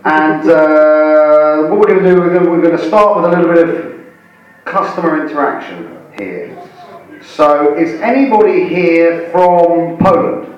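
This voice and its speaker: Male stand-up host, forties, halting delivery with repetitions, recorded at a distance in a very reverberant venue. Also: on the high side, dull audio. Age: 40s. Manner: halting, repeats words and phrases. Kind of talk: live stand-up comedy with audience banter. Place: indoor comedy venue. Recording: echoey live room, distant mic.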